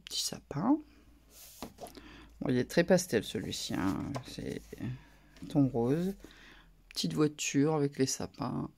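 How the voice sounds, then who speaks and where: Slow, gravelly-voiced woman murmuring craft commentary. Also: extremely low pitch, big pitch swings, slight background noise. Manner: soft-spoken, murmuring asides, drifting into whispers. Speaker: craft vlogger. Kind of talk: casual haul commentary.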